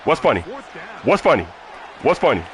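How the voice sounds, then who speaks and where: A man's voice: medium pitch, very animated, moderate pace, a bit bright. Man trash-talking on a live game stream. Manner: heated, mocking, repeats taunts. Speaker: gaming streamer.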